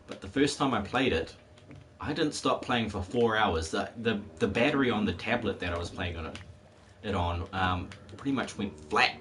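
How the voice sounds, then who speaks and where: With slight background noise, a man in his forties rambles casually while streaming a game and laughs easily. His pitch is fairly low and his tone a bit bright, with some lingering wear from a cold.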